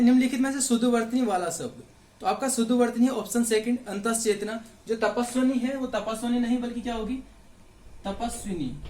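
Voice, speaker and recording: A man's voice: very high voice, a little mellow. Man teaching Hindi grammar, echoey room. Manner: asks rhetorical questions and answers them. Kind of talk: exam question walkthrough lesson.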